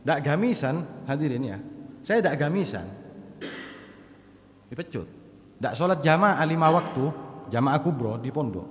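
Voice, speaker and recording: A man delivers a sermon, his voice sitting a little high. He jumps from loud, stressed phrases down to quiet murmurs. The sound carries a roomy echo with a long hall tail. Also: unhurried, pauses often. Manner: animated, swings from loud emphatic calls to low murmurs. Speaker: preacher. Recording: echoey hall with long reverb.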